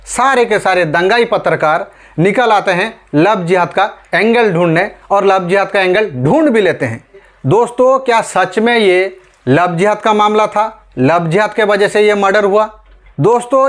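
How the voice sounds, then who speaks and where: A high-voiced Indian man presents scripted news commentary to an online audience. He's emphatic, relies on rhetorical questions, and speaks to listeners directly as friends.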